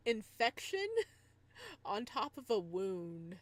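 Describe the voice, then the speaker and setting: A bubbly, giggly woman hosts a livestream, chatting casually with viewers and reading a visual novel aloud while rambling reactions to chat and story. Her mid-range voice is sing-song and extremely slow.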